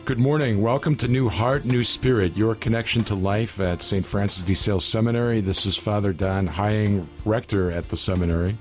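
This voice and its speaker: A man with a fairly low voice hosts a radio talk show as a seminary rector. He speaks in a measured, earnest manner, introducing guests and asking questions in a studio setting. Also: soft background music.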